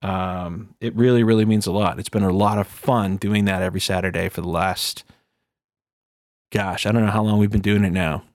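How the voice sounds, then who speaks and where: A man with a fairly low voice chats as a solo podcast host, earnest and conversational. The sound is dry and close, with little room around him. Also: fairly even intonation, normal speed, darkish tone, dry recording. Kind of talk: casual solo podcast chat.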